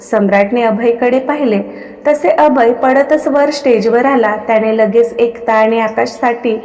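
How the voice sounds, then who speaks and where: A woman storyteller giving a steady, dramatic scripted narration of a story. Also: a little high, a little slow. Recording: long reverb.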